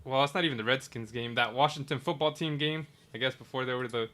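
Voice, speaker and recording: A man's voice: medium pitch, fast talker. A man hosting a podcast, telling stories in casual chat, acting out quotes and laughing, with some swearing. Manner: animated storyteller, laughs through retold quotes, swears. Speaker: podcast host.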